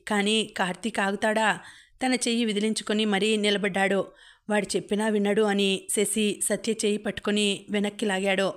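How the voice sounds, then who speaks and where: A woman reading a novel aloud as an audiobook narrator. Her delivery is steady and level, with little rise and fall in pitch. She keeps a mid-range voice throughout. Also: brisk.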